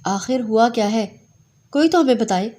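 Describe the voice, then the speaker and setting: A woman's voice: fairly high pitch, expressive, mellow. A woman voicing a serious, strict middle-aged aunt. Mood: stern. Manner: serious and stern.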